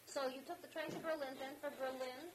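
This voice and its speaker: A woman's voice: sits high, steady tone, brisk, a loud crowd. A woman conducting a casual oral history interview, prompting and echoing answers back. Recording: hissy, noisy amateur home recording.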